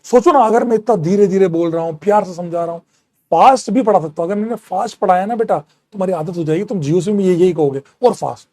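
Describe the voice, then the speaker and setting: Quick and high-voiced with a slightly mellow quality, a man conducts a live chemistry class in a Hindi-English mix. He counts atom numbers, reads out and answers students' questions, and teases and scolds them in jest.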